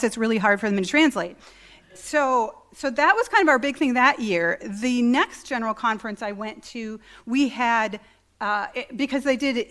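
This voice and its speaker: A woman's voice: mid-range voice, fairly bright tone. A middle-aged woman, a church conference delegate, giving an informal talk to a meeting with many ums and restarts. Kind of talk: informal presentation. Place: meeting hall.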